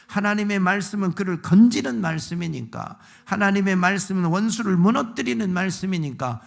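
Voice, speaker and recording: Gravelly, higher-voiced pastor preaching fervently. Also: male voice. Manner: impassioned, swelling to fervent cries; pleading rhetorical questions to the congregation. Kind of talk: sermon at a prayer meeting.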